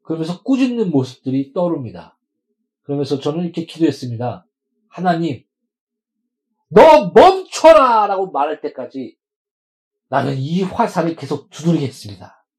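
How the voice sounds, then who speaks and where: Animated, emphatic male pastor preaching. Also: on the high side, low-quality recording. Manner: emphatic preaching, drawn-out words for stress. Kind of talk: sermon.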